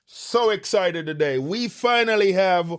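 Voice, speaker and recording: A man hosting a casual podcast interview, enthusiastic with animated interjections. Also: high voice, measured pace. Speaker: podcast host.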